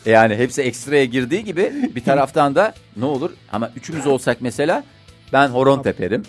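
A man's voice: mid-range voice, animated. Radio guy cohosting, chatty, lots of ums, faint music behind. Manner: hesitant, many drawn-out fillers. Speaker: radio morning show co-host. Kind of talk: casual radio chat, reading news.

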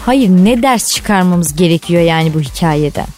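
A woman's voice: on the low side, lively intonation, moderate pace, music in the background. A woman co-hosting a radio show, bantering casually in a teasing, exasperated, colloquial city-girl way.

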